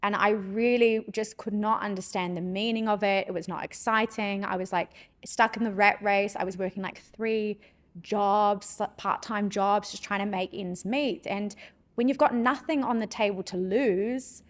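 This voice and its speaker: A New Zealand woman in her thirties hosting a podcast, talking quickly and casually with many fillers. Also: medium pitch, steady tone. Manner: fast, chatty, lots of "like". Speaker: podcast host. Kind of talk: casual conversation.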